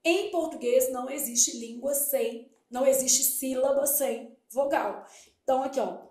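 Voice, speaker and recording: Unhurried and high-pitched with a darkish tone, a woman from Brazil explains Portuguese material for an exam. She poses her own questions and then answers them, and the room echoes.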